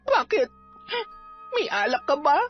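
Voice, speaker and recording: A woman voicing a fiery young sorceress, very high. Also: big pitch swings, measured pace. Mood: scornful. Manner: sharp-tongued, scolding, defiant. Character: bitter, hot-tempered young female sorceress on the run. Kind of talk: Filipino audio drama acting. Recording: dull lo-fi with faint music.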